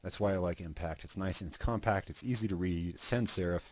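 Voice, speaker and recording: Deep-voiced man thinking aloud while editing. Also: a little fast, dry recording. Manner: thinks aloud, trailing off and restarting, swears casually. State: talking with a cigarette in his mouth. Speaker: video creator narrating an editing session. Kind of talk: casual screen-recording commentary.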